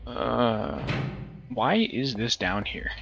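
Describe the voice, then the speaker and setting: A man's voice: mid-range voice, animated, drawn-out words, vocal fry, lo-fi sound, music in the background. A man casually talking while streaming a horror game, rambling, swearing and joking to himself. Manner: rambling, profane, jokey asides. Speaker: gaming streamer. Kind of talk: casual let's-play commentary. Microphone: phone stream setup.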